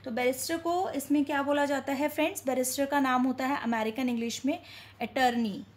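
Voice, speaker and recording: A woman's voice: high voice, fairly even intonation, fairly quick. A woman teaches her viewers, asking a question and then answering it herself, and calls them friends. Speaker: English teacher. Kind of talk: classroom-style teaching.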